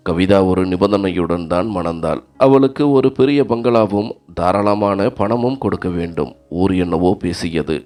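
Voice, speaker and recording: A man reading a dramatic first-person story as scripted narration, in a steady storybook manner. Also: low-pitched.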